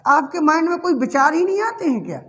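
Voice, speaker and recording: A man's voice: very high voice, sing-song, fast talker, bright, forceful tone. A male English grammar teacher giving a classroom lecture, asking the class questions over and over, answering them himself, and fondly calling his students child.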